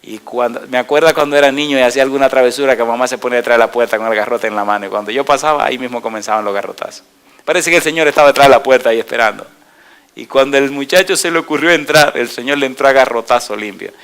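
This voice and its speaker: Here a middle-aged pastor speaks very fast in a clean, medium-pitched tone. His sermon mixes lively storytelling with repeated yes-or-no questions to the congregation, and his volume rises and falls.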